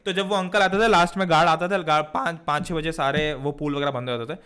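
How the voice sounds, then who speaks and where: A young male physics teacher with a high voice, lecturing online to school students. He swings between slow, careful readings of definitions and quick, chatty examples, often asking the class questions. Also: fairly even intonation, fairly bright tone, clear, resonant tone. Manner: explains in a mix of Hindi and English, with everyday stories and rhetorical questions; reads definitions slowly and deliberately.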